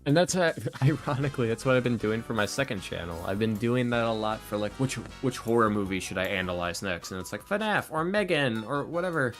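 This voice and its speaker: A man appears as a podcast guest, an ASMR roleplay audio creator, talking candidly in a casual interview. He sounds earnest, confiding and self-deprecating, with a medium-pitched, expressive voice delivered briskly and with few pauses. Soft music plays in the background.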